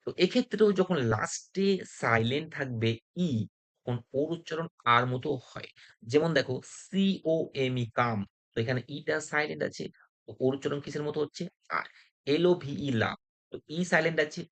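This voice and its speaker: A man teaching English pronunciation, explaining step by step and asking rhetorical questions as he goes. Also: fairly high pitch. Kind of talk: spoken English lesson.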